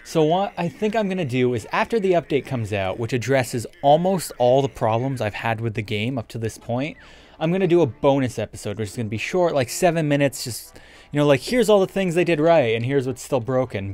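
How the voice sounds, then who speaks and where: A man's voice: medium pitch, expressive, fairly quick, darkish tone. A young man giving casual, rambling let's play commentary with frequent swearing, as a gaming YouTuber. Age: young adult. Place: indoor room with webcam setup. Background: game music.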